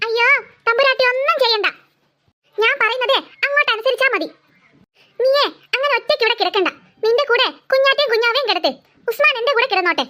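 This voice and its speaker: Cartoon mother, sarcastic, scolding, very high, bright. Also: quick pace. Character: scolding middle-aged mother, sharp-tongued and sarcastic. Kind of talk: cartoon voice acting.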